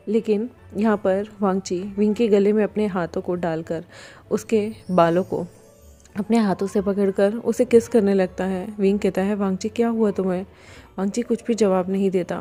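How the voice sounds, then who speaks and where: A woman narrating a fan fiction story in a steady, even storytelling manner. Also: medium pitch.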